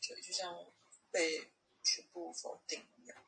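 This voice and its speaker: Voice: medium pitch, flat delivery, measured pace, gravelly, bright, forceful tone, a little hiss or hum. A podcast co-host talking casually over a phone call, thoughtfully offering personal interpretations in a conversational way. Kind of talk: casual conversational discussion of a comic.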